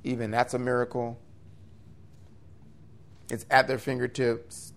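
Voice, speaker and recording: A man preaching an expository sermon in an earnest, conversational way, with lively rises and quick asides. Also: medium pitch, vocal fry.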